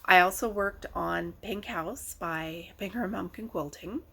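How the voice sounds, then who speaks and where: A middle-aged woman hosting a casual craft vlog, chatting wryly and conversationally, a little hoarse from being sick with a sore throat. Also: on the low side, a little slow, fairly bright tone.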